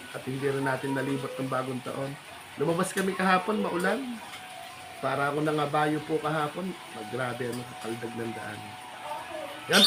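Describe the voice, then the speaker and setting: A man vlogging in a polite, chatty way, halting with fillers, recorded outdoors at a rural home. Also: on the high side, heavy background noise. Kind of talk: casual vlog chat.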